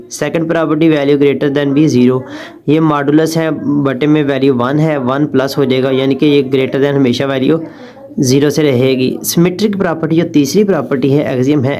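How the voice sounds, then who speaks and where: A man's voice: fairly high pitch, mellow. A young man, a math lecturer explaining proofs step by step and speaking directly to his students. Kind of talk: recorded online lecture.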